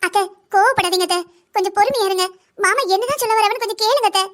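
A woman playing a meek young daughter-in-law in a cartoon drama, gently pleading with her elders. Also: very high voice, racing.

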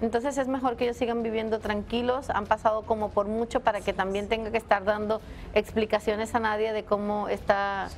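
A woman's voice: mid-range voice, flat delivery, brisk, faint music behind. A woman hosting a TV show, commenting conversationally in a studio. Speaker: TV show host.

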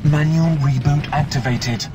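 A man's voice: a little high, steady tone, measured pace, over loud music. A man voicing an armored suit's robotic onboard computer, giving clipped system status announcements in a video game. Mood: flat.

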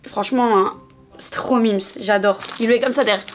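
A woman's voice: medium pitch, fairly even intonation, moderate pace, soft background music. A woman in her thirties chatting in a bubbly way through a shopping haul video, talking straight to her viewers. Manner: bubbly, chatty, calls viewers "mes amours". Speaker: haul vlogger. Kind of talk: casual haul video chat.

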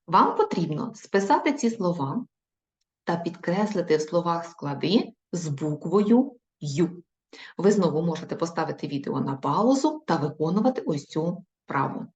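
A woman teaching young children in a recorded video lesson. She dictates slowly and carefully and repeats each word. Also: fairly low pitch, darkish tone. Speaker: primary school teacher. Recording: echoey room, dull lo-fi sound.

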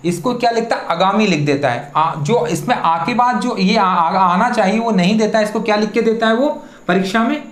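A teacher runs an exam-prep spelling lesson at a middle pitch. The teacher poses questions and answers each one, breaking words into syllables. The voice rings in a roomy, echoing space. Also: a little fast, hardly any pauses. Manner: rhetorical questions, then the answer. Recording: echoey room.

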